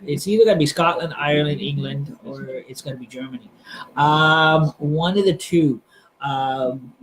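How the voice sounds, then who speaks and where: A man's voice: on the high side, a little hiss or hum, poor audio. A man hosting a live stream, chatting casually and hesitantly, with many fillers and restarts. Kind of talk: casual rambling chat.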